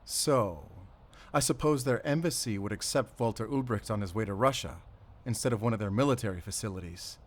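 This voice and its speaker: A man with a lowish, natural-sounding voice speaks fairly quickly while acting in a cinematic audio roleplay. Playing a defiant, determined investigator on the run, he delivers the lines intensely, with a focused, deliberate mood.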